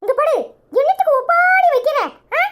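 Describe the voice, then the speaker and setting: A woman voicing a sharp-tongued young daughter in a cartoon, teasing and scolding with a Tirunelveli accent. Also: very high-pitched, moderate pace, voice pushed up. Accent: Tirunelveli Tamil.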